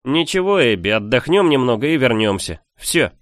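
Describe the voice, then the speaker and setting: A male narrator voicing a lively, teasing young man in an audiobook, talking in a raised, animated voice. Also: mid-range voice, moderate pace, no echo, studio quality, pitched above the performer's own voice, lightly acted. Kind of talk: audiobook character voice.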